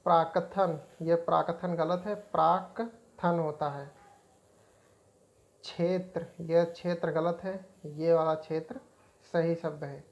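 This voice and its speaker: A woman's voice: fairly low pitch, flat delivery, a little slow, darkish tone, dull audio. A woman teaching an exam-prep spelling lesson, repeating each word as she points out right and wrong forms.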